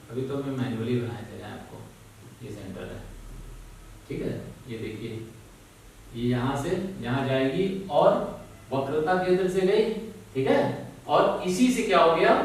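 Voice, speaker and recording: Male teacher, slow and patient, checks in often, heavy room echo, mic far off. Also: medium pitch, slight background noise. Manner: slow, repeats key words, keeps asking "ठीक है ना?"; calls students "बेटा". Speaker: physics teacher. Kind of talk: classroom lesson.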